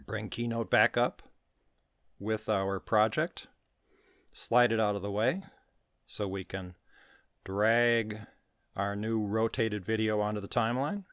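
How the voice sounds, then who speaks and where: Low-voiced guy doing a computer how-to voice-over, calm step by step, dry close sound. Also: slow pace, long pauses, no echo. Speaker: tutorial host. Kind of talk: screen-recorded software tutorial.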